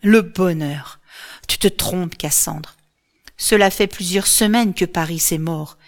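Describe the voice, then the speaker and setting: Cold, bitter widowed queen, read by a woman, measured and flat, storybook. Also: on the low side.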